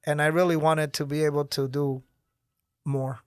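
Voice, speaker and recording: An energetic middle-aged man, a nonprofit founder appearing as a guest on a podcast interview, speaks in a slightly high voice at a moderate pace and gestures as he talks. He's recorded in a small podcast studio on a boom-arm studio mic, giving a clean, dry tone with no room sound.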